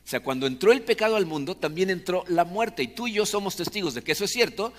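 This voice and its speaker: A fast-talking man with a high, lively voice and a Mexican accent delivers a conversational, explanatory sermon. He keeps checking for agreement with short tag questions, and the recording carries a long hall reverb.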